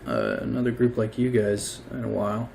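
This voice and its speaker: A man voicing a gruff male sheriff at a poker table, speaking laconically in a tabletop game. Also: lowish voice, sing-song, a little fast, a little mellow, slight background noise. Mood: wry.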